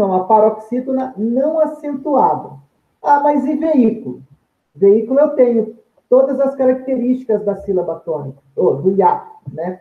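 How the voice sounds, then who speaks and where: Man, grammar teacher, explaining patiently, echoey room, phone-like sound. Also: sits high. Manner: explanatory, asks and answers his own questions. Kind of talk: video lecture.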